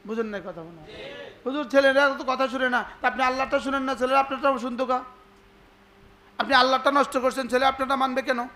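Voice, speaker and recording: A man's voice: very high-pitched, fast talker, sharp tone. A man preaching a sermon, asking the crowd rhetorical questions and acting out dialogues. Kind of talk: Islamic sermon (waz).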